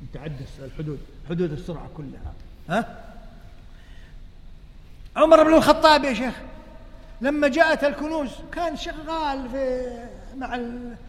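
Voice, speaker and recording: High-voiced preacher in a reverberant hall. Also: male voice, expressive, moderate pace, long pauses. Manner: emotive, fires rhetorical questions at the audience. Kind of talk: sermon storytelling.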